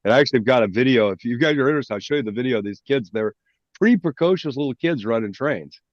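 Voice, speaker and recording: A man's voice: medium pitch, lively intonation, fast talker, no echo. A man hosting a hobby meetup, chatting casually on a video call and telling stories with frequent restarts. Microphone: video call microphone. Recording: dull lo-fi dry call audio.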